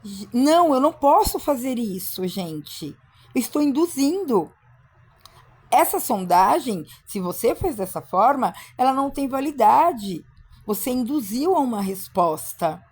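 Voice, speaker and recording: A woman's voice: high voice, animated, unhurried, darkish tone, breathy edge. Emphatic woman teacher trainer. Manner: emphatic, acts out classroom dialogues. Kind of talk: instructional talk for teachers.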